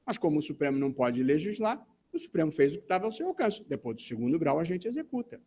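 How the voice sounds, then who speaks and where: Man, Brazilian Portuguese accent, fairly high voice, formal seminar speech, measured delivery, hesitation fillers. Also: very animated, dark tone, slight background noise. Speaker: speaker at a legal seminar. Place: conference hall in Brazil.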